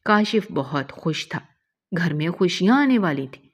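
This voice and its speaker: Low-voiced woman narrating a story. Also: sing-song. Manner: measured, moralizing narration.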